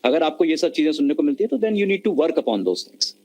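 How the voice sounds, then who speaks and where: A man's voice: a little high, animated, normal speed, a little mellow, low-quality recording. A man giving an online lecture on communication skills, explaining patiently and mixing Hindi and mid-sentence over a video call. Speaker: webinar lecturer.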